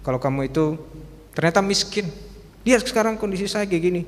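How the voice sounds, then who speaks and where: Man putting on a reproachful middle-aged wife, quiet, higher voice, long hall echo. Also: animated, a little fast. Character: complaining wife in a joke, middle-aged woman.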